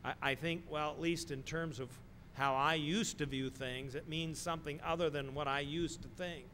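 A middle-aged man preaching a sermon in a slow, deliberate way, pausing often and stressing key words. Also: a little high, fairly even intonation, sharp tone, a little hiss or hum. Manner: slow, deliberate delivery with pauses and emphatic stresses. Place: church sanctuary, speaking from a wooden pulpit.

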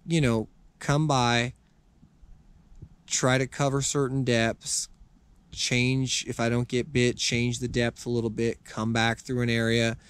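A man with a Californian accent hosting a fishing channel, giving casual tips in a relaxed, rambling way with many fillers and restarts. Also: mid-range voice, clear, resonant tone, no room sound. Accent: Californian English.

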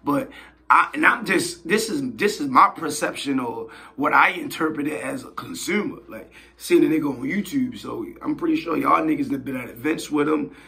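A hoarse man hosting his own show, giving blunt, slangy casual commentary and often asking "you feel me". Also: on the high side, moderate pace, sharp tone. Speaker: host.

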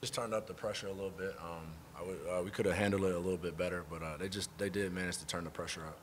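A young man, a college basketball player at a postgame press conference, speaking in a soft, low-key way with many fillers into a table mic. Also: fairly even intonation, racing, a little hiss or hum. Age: young adult.

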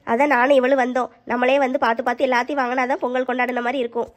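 A woman with a southern Tamil accent playing a brisk, haggling aunt in a family skit. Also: sits high, flat delivery. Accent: southern Tamil Nadu. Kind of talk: family comedy skit acting.

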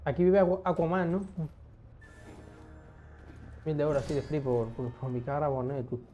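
A young man giving casual gameplay commentary, excitable, swearing often and talking to himself as he plays. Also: on the high side, normal speed, soft background music. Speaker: gaming streamer.

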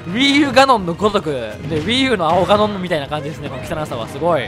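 A man with a Kansai Japanese accent commentating his own fighting game matches, excitable and quick to shout and laugh at big plays. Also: sits high. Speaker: gameplay commentator. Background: background music.

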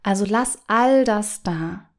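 A woman hosting a coaching podcast, talking straight to the listener in a calm, encouraging, guiding manner. Her pitch sits in an ordinary middle range, and now and then a phrase drops softly toward a whisper. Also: takes it slowly. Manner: gentle, guiding, addresses listener directly. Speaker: business coach and podcast host.

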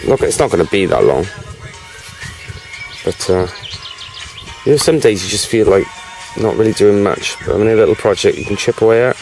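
British male vlogger, low voice, easygoing rambling chat, faint music underneath. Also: animated, moderate pace, pauses often, darkish tone, rough recording. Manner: rambling, full of "you know", talking with a cigarette in his mouth.

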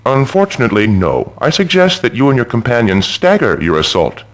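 An actor playing a pompous male robot radio host who fields calls with smooth radio-host patter. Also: medium pitch, huge pitch swings, fairly quick. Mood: smooth, superior. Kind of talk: video game radio show acting.

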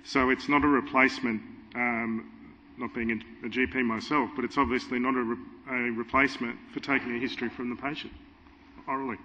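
A man in his thirties answering on a panel with measured, qualified advice. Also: mid-range voice, fairly even intonation, bright, forceful tone, slight background noise. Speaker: panelist giving legal advice. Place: large conference hall stage. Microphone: table mic. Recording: dull sound with hall reverb.

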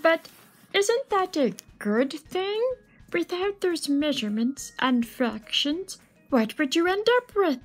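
A woman's voice: high-pitched, lively intonation, slow, faint music behind, pitched above the performer's own voice. A woman voicing a curious, friendly storybook space alien who explains things cheerfully and asks questions.

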